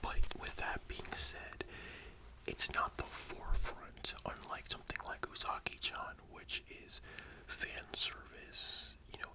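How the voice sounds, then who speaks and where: A voice in a soft library whisper, giving an explanatory lesson as an ASMR whispered role-play. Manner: explanatory, checking the listener understands. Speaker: ASMR content creator.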